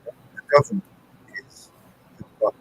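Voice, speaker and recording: A man's voice: a little slow, fairly bright tone, low-quality recording. A man chatting emphatically on a call, his level uneven as his mic cuts in and out. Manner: emphatic, rambling, swears. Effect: uneven volume from a mic cutting out. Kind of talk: casual chat on a call.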